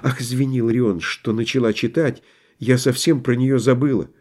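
A man voicing a gentle, anxious young woman who speaks softly and hushed, in an audiobook. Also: mid-range voice, fairly even intonation, moderate pace, lightly acted. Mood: apologetic.

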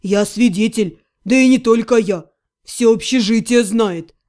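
A woman's voice: fairly high pitch, unhurried, darkish tone, pitched below the performer's own voice, natural voice. A woman voicing a wry male half-gnome friend with a drawling, mock-dramatic manner. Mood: wry, teasing.

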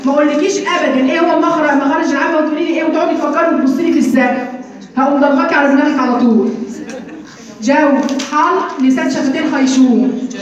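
A high-pitched Egyptian woman leads a classroom drill, repeating lists and answering her own questions with brisk, teasing energy. Her voice rings through a very echoey room and sits well back from the microphone. The recording sounds dull and muffled. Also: far from the mic. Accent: Egyptian Arabic. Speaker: Quran recitation teacher.

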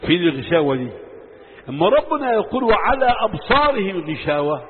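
A man's voice: high voice, big pitch swings, brisk. Egyptian male preacher, quizzing style, lo-fi telephone-like sound, long hall reverb. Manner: asks the audience questions and answers them himself. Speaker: sheikh teaching Quran commentary. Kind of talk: religious lesson.

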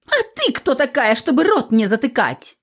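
A woman voicing a shrill, whiny young village girl with a squealing voice in an audiobook. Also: big pitch swings, unhurried, highs cut off. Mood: indignant. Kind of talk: audiobook character voice.

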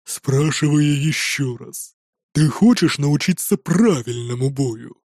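A man voicing a burly, mocking male warrior teacher with a deep bass voice, gruff and slow. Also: lively intonation, darkish tone, no echo, clean studio sound, heavily acted.

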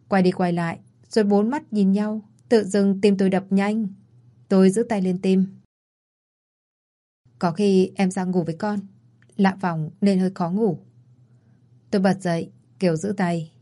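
A woman's voice: mid-range voice, mellow. A woman narrating a romance story, reading every character's lines in her own voice. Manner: reads all characters in one voice.

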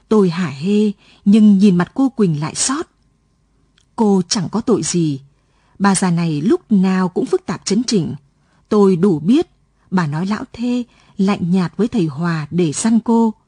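A woman reading a story aloud as scripted late-night narration, in a calm, even manner. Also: mid-range voice, breathy edge, dry recording. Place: radio studio.

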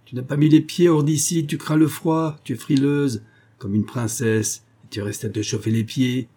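A man voicing a furious, miserly old male farmer who shouts and stammers with rage. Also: fairly low pitch, level tone, normal speed, natural voice. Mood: enraged.

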